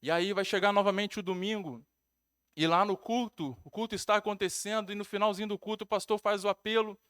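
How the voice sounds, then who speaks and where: A man's voice: high voice, fairly even intonation, a little fast, a bit bright, clean tone, no echo, studio quality. A male pastor with a Brazilian Portuguese accent, preaching a sermon in a storytelling way, repeating phrases and adding tag questions.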